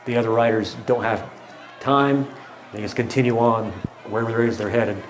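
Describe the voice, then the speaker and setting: A man running a tabletop game as game master, setting scenes in a measured, descriptive way. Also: mid-range voice, steady tone, soft background music.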